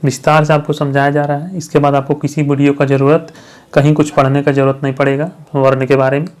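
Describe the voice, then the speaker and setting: A man's voice: fairly high pitch, level tone, a little mellow. A man teaching a grammar lesson to exam candidates. He asks the viewers questions and answers them himself, and keeps checking that they follow. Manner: checks understanding with frequent "thik hai"; stretches out example sounds slowly.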